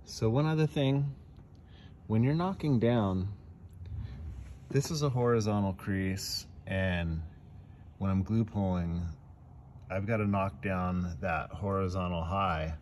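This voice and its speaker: A man doing dent repair outdoors, explaining his work in a relaxed, casual way as he films on a phone. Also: deep voice, slow, long pauses, a little hiss or hum. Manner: relaxed, explanatory, talks between tasks. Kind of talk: casual how-to narration while working. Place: outdoors in a parking lot beside a car.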